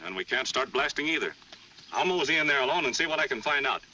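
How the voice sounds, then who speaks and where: Forceful, plain-spoken western cowboy. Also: male voice, medium pitch, lively intonation, fast, far from the mic. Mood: cool, wary. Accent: American. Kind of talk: 1940s western film acting. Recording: dull old film soundtrack, faint noise.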